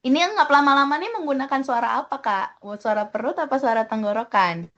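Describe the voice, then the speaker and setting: A woman's voice: sits high, expressive, fast talker, a bit bright, lo-fi sound. A woman leading an online webinar, chatting casually and thanking participants by name as she teaches. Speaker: webinar trainer.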